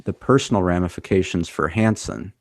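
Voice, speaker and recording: A man talks on a podcast in a fairly low voice. He explains things in a measured, thoughtful way. The sound is dry and close to the mic. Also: animated, no room sound. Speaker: podcast co-host. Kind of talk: casual chat.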